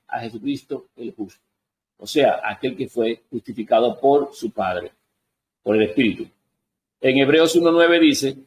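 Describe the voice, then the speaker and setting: A man's voice: fairly high pitch, a little mellow, rough recording. A man giving a Bible study lesson, reading verses aloud and answering his own questions. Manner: adjusts on-screen text while talking. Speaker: Bible teacher.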